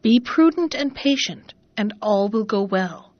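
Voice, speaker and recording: A woman reading a very old, wise woman from a fairy tale, kindly and measured. The sound is dull and dry. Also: mid-range voice, animated, no echo.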